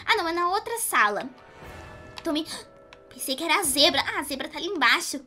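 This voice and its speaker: A woman voicing a bubbly, excitable young female cartoon pony while giving squealy, exclamatory gameplay commentary. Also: high voice, brisk. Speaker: gaming youtuber. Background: game music playing clearly.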